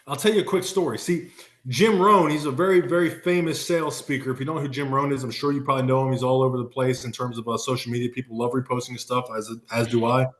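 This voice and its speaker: A man's voice: mid-range voice, steady tone, fast talker, echoey room. A man giving a motivational sales talk on a video call, emphatic and repeating his key phrases for punch. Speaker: sales coach and Marine.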